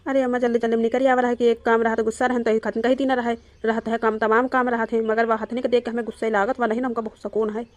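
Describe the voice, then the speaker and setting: A woman's voice: fairly high pitch, flat delivery, fast talker, few pauses, no echo, dull audio, lightly acted. A woman voicing a harried grown son in a cartoon, speaking with an Awadhi accent and a complaining, exasperated manner. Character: grown son, harried young man, grumbling. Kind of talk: cartoon voice acting.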